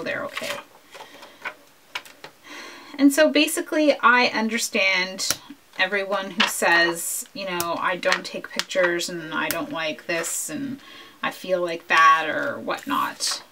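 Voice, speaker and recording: A woman talks casually over her crafting, earnest and heartfelt, drifting from one topic to the next as she works. Her voice sits at an ordinary middle pitch, with a conversational, confiding tone throughout. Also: pushed and bright, a little hiss or hum. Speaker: scrapbooking vlogger.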